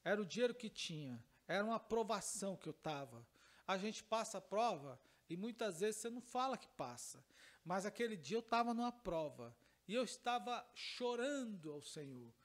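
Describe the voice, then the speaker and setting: At a church teaching service, a Brazilian pastor with a Brazilian Portuguese accent preaches in a voice unusually high for a man, at a normal pace with big swings in pitch. He shares a personal story, repeats phrases for emphasis, and shifts between hushed and loud, emphatic passages.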